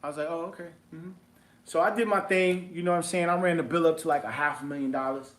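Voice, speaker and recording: A man's voice: a little high, fast talker, roomy sound. A man talking about real estate investing in a casual seminar, emphatic and slangy, laughing often.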